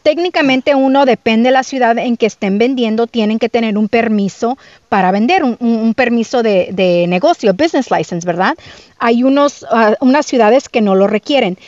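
A woman's voice: on the high side, normal speed, darkish tone, dry recording, lo-fi sound. A woman lawyer explaining legal terms in casual radio chat, switching between Spanish and English words. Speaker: lawyer guest.

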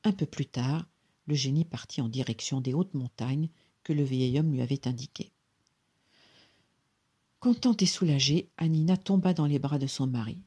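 A narrator reading a folk tale aloud in an even, gentle storytelling manner. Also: mid-range voice, moderate pace, pauses often, slightly rough.

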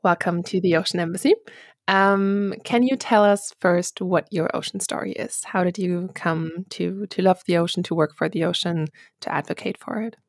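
A woman hosting a podcast over a video call, friendly and quick to laugh, with hesitant fillers. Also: fairly low pitch, no room sound, studio quality. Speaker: podcast host. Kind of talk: casual interview hosting.

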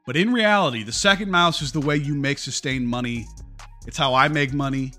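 A man's voice: a little high, fairly bright tone. A man giving casual, profane live-stream commentary on markets, talking to his viewers and reading out their chat comments.

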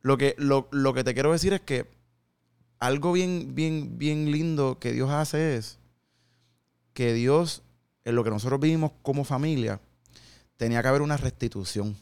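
A man in his thirties gives a heartfelt testimony in an interview. His voice is smooth and clear, at an ordinary pitch, and he acts out the conversations he remembers with slangy asides. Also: moderate pace, long pauses, darkish tone. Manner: earnest storytelling with quoted dialogue, slangy asides.

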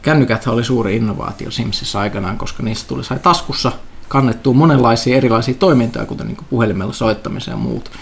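A man's voice: medium pitch, gravelly. A man playing in a tabletop game, chatting casually and reasoning aloud about what to do next. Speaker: player.

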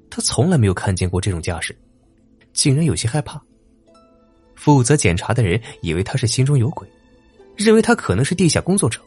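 A man narrating a dramatic story in an expressive voice. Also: breathy edge. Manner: expressive, swinging pitch. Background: faint music.

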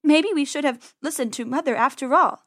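A woman's voice: high-pitched, fairly quick, a bit bright, no room sound, studio quality, voice pushed up. A woman voicing a brave, sensible young girl rabbit who talks in an urgent, bossy, earnest way. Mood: urgent planning.

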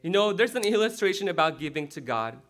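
A male pastor giving a lively sermon in a church and checking in with the crowd as he goes. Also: high voice, fast talker.

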